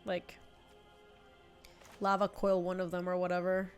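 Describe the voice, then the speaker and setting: Her voice sits on the low side, monotone and measured, with a clean tone and faint music behind it. She's a young woman congested with a cold, giving casual live-stream commentary as she plays a card game and answers her chat indoors in her home streaming room.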